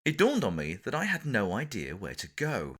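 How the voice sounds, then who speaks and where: His medium-pitched voice swoops wildly, sounds a bit bright with a breathy edge, and moves at normal speed. This English-accented man narrates a scripted anecdote from his own memoir for an audiobook, with dramatic, theatrical emphasis.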